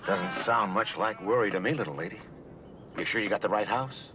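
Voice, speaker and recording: A man playing an easygoing, gently skeptical character in a 1970s TV drama, folksy and wry. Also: fairly low pitch, brisk, over music, close to an everyday voice. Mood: wry, gentle. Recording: muffled, noisy old TV soundtrack.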